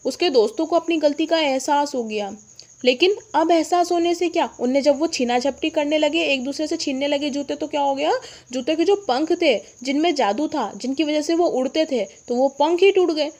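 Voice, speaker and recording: A woman's voice: high-pitched, a little mellow. A woman teacher explaining a story lesson to children, often asking the class questions and answering them herself. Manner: asks the class rhetorical questions.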